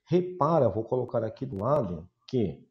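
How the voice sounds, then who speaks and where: A man's voice: sing-song, moderate pace. A man from Brazil teaching an English grammar lesson to his class, patiently repeating key words and checking in with his students after each point. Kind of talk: online class explaining grammar. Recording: dull low-fidelity sound.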